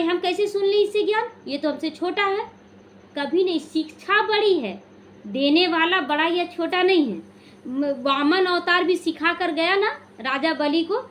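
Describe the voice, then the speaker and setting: A woman giving a slow, calm devotional talk as a spiritual teacher, teaching through stories and often restarting her words. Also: extremely high pitch.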